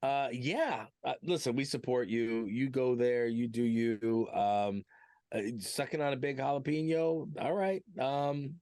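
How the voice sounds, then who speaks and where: A man's voice: mid-range voice, unhurried, darkish tone, no room sound, studio quality. A man in his forties co-hosting a podcast, rambling casually with lots of fillers and jokes. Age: 40s. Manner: rambling, filler-heavy, jokey. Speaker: podcast co-host. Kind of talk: casual chat.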